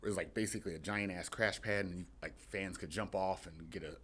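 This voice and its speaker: A man's voice: deep voice, steady tone, fairly quick, a bit bright, slightly rough. Laughing young man telling stories. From San Diego, USA. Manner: laughing, rambling storyteller. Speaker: guest, wrestler. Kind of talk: casual chat.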